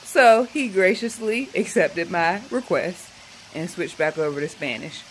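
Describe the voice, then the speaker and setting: A woman telling a personal travel story in a casual, animated way, acting out the people she meets. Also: on the low side, measured pace, slight background noise, poor audio.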